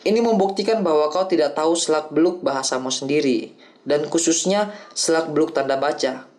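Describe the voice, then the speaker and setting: A man reading the lines of an older male acting teacher who explains things calmly and patiently in an audiobook. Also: fairly high pitch, brisk, lightly acted. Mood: instructive. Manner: calm, explanatory lecturing.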